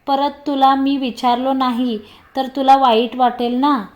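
Woman reading as cocky, teasing young man; high voice. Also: flat delivery, unhurried. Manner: teasing, joking.

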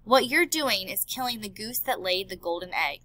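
A woman's voice: medium pitch, animated, normal speed, sharp tone, dry recording, rough recording. A woman voicing an earnest male elephant scientist and worried father in an audiobook. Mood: pleading. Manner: earnest, pleading.

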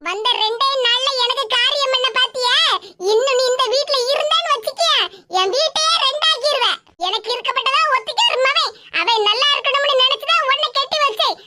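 Woman voicing a shrill, sharp-tongued cartoon mother-in-law, Tirunelveli Tamil, over loud noise. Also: a little fast. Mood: angry scolding. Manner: scolding, threatening, mocking.

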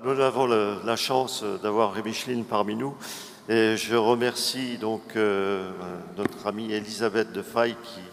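Slow, low-voiced man in a reverberant hall. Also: fairly even intonation. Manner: hesitant, with drawn-out pauses. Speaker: session host introducing a speaker. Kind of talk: spoken introduction at a conference. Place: large auditorium, indoors. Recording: reverberant hall, background noise.

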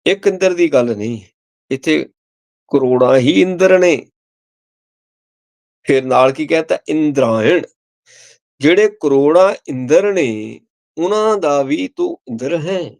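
Gravelly-voiced Sikh preacher explaining scripture. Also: male voice, fairly high pitch, expressive, a little mellow. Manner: slow chanted verse recitation, then plain explanation; repeats key words, addresses listeners with "ji". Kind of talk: line-by-line scripture exposition.

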